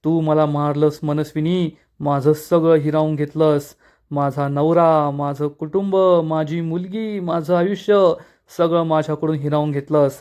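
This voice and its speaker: The vengeful ghost of a murdered woman, slow and accusing as she threatens, put on by a man retelling a serial. The voice is mellow and sits fairly high. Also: steady tone, clear, resonant tone, close to an everyday voice.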